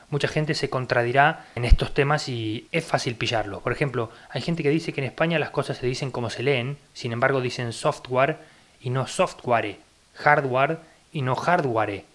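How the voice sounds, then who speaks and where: A man with a mid-pitched voice delivers a solo podcast monologue. He talks bluntly and with exacting standards, a critic on a rant, and slows down to spell out pronunciations with care. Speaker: podcast host.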